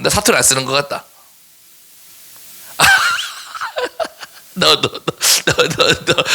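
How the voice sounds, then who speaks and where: A man with a Daegu accent preaching a sermon to teenagers as a youth pastor, animated and teasing, and pausing to tell them what to write down. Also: on the high side, vocal fry. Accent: Daegu Korean. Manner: animated and teasing, jokes with the young listeners; gives note-taking instructions in a classroom way.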